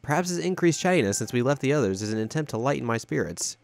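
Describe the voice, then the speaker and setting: A man hosting a game playthrough, reading the story text aloud in a plain, steady way. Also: medium pitch, fast talker, gravelly. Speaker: let's-play host.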